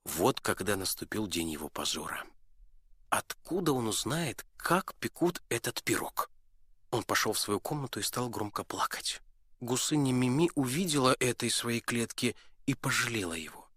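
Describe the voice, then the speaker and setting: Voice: medium pitch, normal speed, husky, no room sound. Storybook narrator, dry close sound. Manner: expressive, plays every character. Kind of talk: storybook reading.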